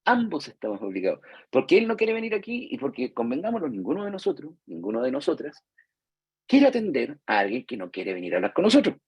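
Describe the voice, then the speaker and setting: A man's voice: fairly high pitch, wildly swooping pitch, quick pace, darkish tone, breathy edge, no room sound, poor audio. A Chilean man, a psychologist, giving a live lecture to therapists in a conversational way, acting out patients and parents and often checking in with his audience. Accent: Chilean Spanish. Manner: conversational, acts out patients and parents, frequent "¿cierto?" tags.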